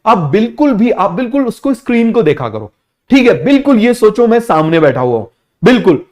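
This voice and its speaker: Man, high pitch, online biology lesson, repeats questions to students, mixes English terms. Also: very animated, brisk, a little mellow. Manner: drills students with repeated call-and-response questions; mixes English science terms into casual talk. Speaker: biology teacher. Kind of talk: online exam-prep lecture.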